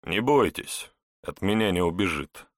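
Male reader doing a polite, genial young official, calm and courteous, lively tone. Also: deep voice, measured pace, dry recording, clean studio sound.

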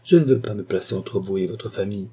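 A man's voice: lowish voice, fast, dark tone, husky. A man reading an audiobook, voicing a passionate, tearful woman in pleading tones.

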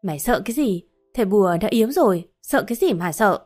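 A woman doing a gruff old mother-in-law. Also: mid-range voice, lively intonation, fairly quick, a little mellow, faint music behind, close to an everyday voice. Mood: scolding. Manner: gruff, scolding. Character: scolding old peasant mother-in-law, harsh.

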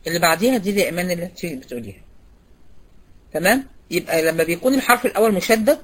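During an online class, a woman with an Egyptian Arabic accent runs a recitation session, quizzing each student by name and hammering home the important points. She is expressive and very fast, her pitch fairly low.

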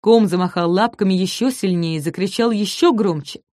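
A woman storyteller reading a children's story aloud in a gentle, lively way. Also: mid-range voice, a little fast, no echo, studio quality.

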